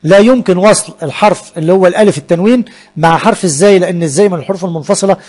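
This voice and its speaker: A man's voice: sits high, rapid-fire, a little mellow. A man with an Egyptian Arabic accent teaching a grammar lesson, explaining step by step and answering his own questions, stretching out example words.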